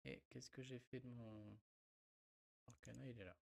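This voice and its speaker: A man chatting through a card game video in a loose, unscripted way. He fills gaps with little hesitations and talks straight to his viewers from a desktop mic. His pitch sits right in the middle for a man. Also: fairly even intonation, moderate pace, creaky, darkish tone. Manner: chatty, many fillers. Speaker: card game content creator. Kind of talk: casual gameplay commentary.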